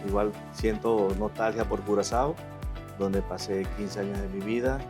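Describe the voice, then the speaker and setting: A man's voice: lowish voice, fairly even intonation, normal speed, music in the background. A middle-aged man from Venezuela, a guest in an interview, telling his story reflectively with many fillers.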